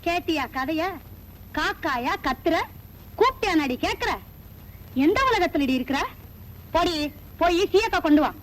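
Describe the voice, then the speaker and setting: An actress playing a shrill, scolding village stepmother in a 1980s film. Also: animated, normal speed, pauses often, rough recording. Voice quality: shrill, wailing. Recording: film soundtrack with faint music.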